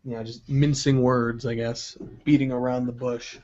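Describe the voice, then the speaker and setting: A man's voice: mid-range voice, little pitch movement, measured pace, dark tone. A man of about twenty co-hosting a podcast in casual, conversational talk. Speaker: podcast co-host. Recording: dull lo-fi audio.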